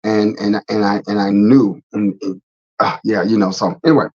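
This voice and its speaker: A man's voice: on the low side, level tone, normal speed, darkish tone. A middle-aged man hosting a casual faith talk show, rambling and repeating words as he goes. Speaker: host. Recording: slightly dull, lo-fi sound.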